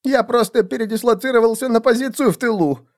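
A man's voice: high voice, sing-song, normal speed, voice pushed up. A man voicing a nervous male rat-man assassin who stammers and grovels. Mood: insisting.

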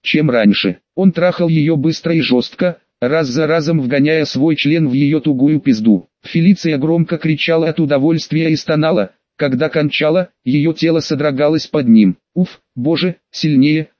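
Brief: steady male storybook narrator, dull recording with no room sound. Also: fairly high pitch, normal speed, few pauses, no room sound. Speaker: audiobook narrator. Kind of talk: scripted narration. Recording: dry, dull lo-fi audio.

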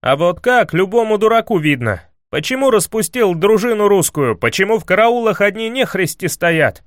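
A man voicing a boisterous young hero who declaims high and loud. He blusters with pompous pride, and every line comes out as a bold proclamation. A lively storybook voice, dry and close. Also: normal speed, no room sound. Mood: indignant. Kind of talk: audiobook character voice.

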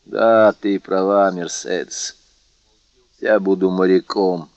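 Jealous young fisherman, earnest and pushing, read by a man, lowish voice, dull dry audiobook sound. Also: fairly even intonation, slow pace, darkish tone, no room sound. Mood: pleading, jealous.

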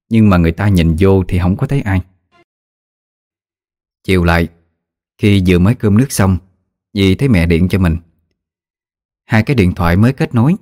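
Deep-voiced man telling ghost stories. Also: dry recording, studio quality. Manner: steady, vivid storytelling. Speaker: storyteller. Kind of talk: ghost story narration. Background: faint music.

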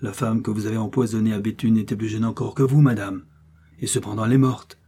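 Male reader doing an emotional young musketeer, earnest, dark-toned. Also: fairly low pitch, fairly even intonation, fast, slightly rough. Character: young, impassioned male musketeer, torn and grieving.

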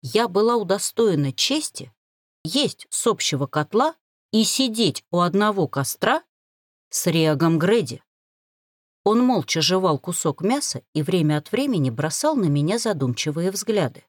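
Expressive woman reading a novel aloud. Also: lowish voice, moderate pace, no room sound, clean studio sound. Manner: expressive, dramatic. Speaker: audiobook narrator. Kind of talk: first-person novel reading.

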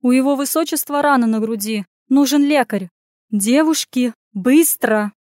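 A tough, sharp-tongued young heroine, read by a woman in a storybook. She talks in brusque, commanding bursts in a raised, fairly high voice. The sound is close and dry. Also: measured pace, no echo. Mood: urgent.

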